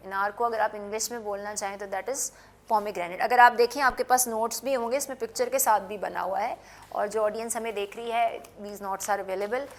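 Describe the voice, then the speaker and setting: A woman teaching English words in a television lesson, patiently repeating and spelling each word slowly for learners to copy. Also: mid-range voice, a little hiss or hum. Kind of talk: classroom lesson with repetition drills.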